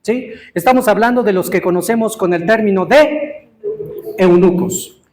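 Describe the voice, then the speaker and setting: High-voiced man teaching a congregation. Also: a little mellow. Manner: quizzes the congregation, stresses words slowly. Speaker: Torah teacher. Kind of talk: interactive teaching sermon. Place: live congregation.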